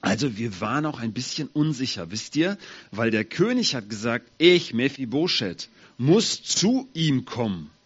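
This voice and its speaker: A man telling a Bible story in the first person as a lame, humble young man, asking his listeners questions in a slightly husky voice. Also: mid-range voice, sing-song, a little slow, lo-fi sound. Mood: anxious, excited. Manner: addresses listeners directly, asks them questions.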